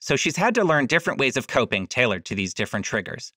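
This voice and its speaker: A man, the host of a podcast, reading a scripted narration in a measured way. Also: mid-range voice, sing-song, sharp tone, no echo, studio quality.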